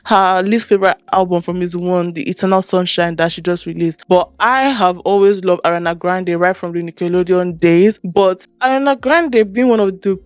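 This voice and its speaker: A woman's voice: on the low side, normal speed, hardly any pauses, clean tone, dry recording. A woman hosting a commentary video, talking in a conversational, emphatic way. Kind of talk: scripted commentary.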